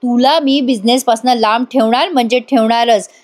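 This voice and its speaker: A woman's voice: on the high side, fairly even intonation, normal speed, natural voice. A woman voicing a cunning, spiteful middle-aged mother who gloats over her plots. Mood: brooding. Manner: gloating, plotting.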